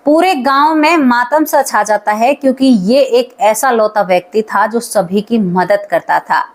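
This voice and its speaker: Higher-voiced woman telling a spooky tale. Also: measured pace. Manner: conversational, addresses listeners as friends. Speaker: storyteller. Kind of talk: spoken horror storytelling.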